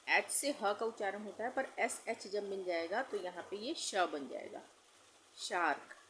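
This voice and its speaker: A woman's voice: mid-range voice, a little slow, a bit bright, slight background noise, rough recording. A woman teaching English pronunciation in Hindi, patiently repeating each rule and spelling words out letter by letter. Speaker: language teacher.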